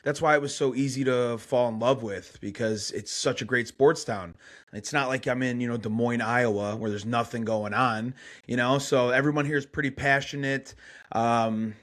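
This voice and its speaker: A man's voice: mid-range voice, fairly even intonation, moderate pace, a bit bright. A young man from Chicago, a guest on a casual podcast interview, talking in a laid-back, rambling way with lots of fillers.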